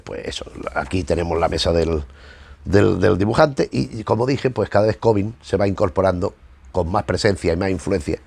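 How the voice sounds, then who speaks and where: Gravelly low-voiced man reviewing comics. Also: no room sound. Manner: hesitant, often repeats words while searching for the next thought. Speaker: comic book reviewer, channel host. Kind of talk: casual spoken review while leafing through comics.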